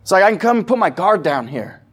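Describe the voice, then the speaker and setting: A man's voice: high-pitched, big pitch swings, quick pace, fairly bright tone, breathy edge. Conversational male preacher. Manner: conversational preaching, acts out quoted voices, asks the congregation questions. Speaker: pastor. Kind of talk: sermon. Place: church sanctuary.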